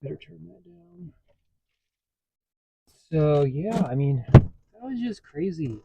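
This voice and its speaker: A man casually telling stories in a vlog from inside his parked vehicle, getting animated as he retells what happened. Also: fairly high pitch, slow pace, gravelly, lo-fi sound, noisy background. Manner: chatty, animated when retelling a story. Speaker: vlogger.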